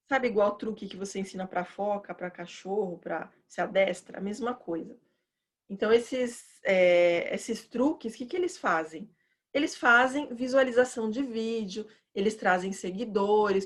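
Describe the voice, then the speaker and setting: A woman with a chatty, opinionated manner, teaching teachers in an educational video and stretching words out as she demonstrates them. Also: fairly high pitch. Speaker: teacher trainer.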